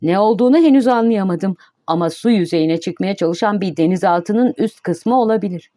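A woman reading the lines of a male ship captain who speaks in a plain, measured way in a storybook. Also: mid-range voice, mellow, no echo, studio quality, natural voice. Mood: earnest.

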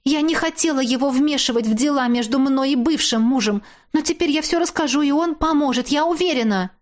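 A woman's voice: a little fast, close to an everyday voice. A frightened young mother held captive, pleading in a raised, strained voice, played by a woman reader. Her lines sound tense and tearful. It is a role in a storybook audiobook. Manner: pleading, tearful, high-strung.

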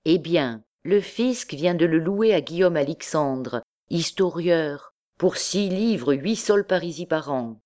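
A man's voice: a little high, expressive, slow, few pauses, a little mellow. A woman reading the part of a chatty medieval townsman gossiping about rents. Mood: gossipy.

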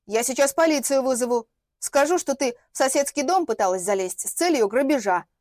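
A woman's voice: fairly high pitch, animated, moderate pace, darkish tone, dry recording, clean studio sound, natural voice. A woman reading an audiobook, voicing a stern middle-aged woman who walks her dog and barks orders. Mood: threatening. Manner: barking, bossy, turning fussily kind.

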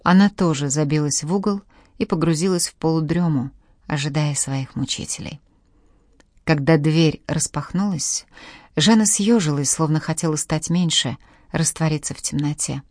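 A woman with a low voice narrates an audiobook in an expressive, dramatic way. The recording is dry and close, with no room sound. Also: moderate pace, no room sound. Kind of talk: scripted narration.

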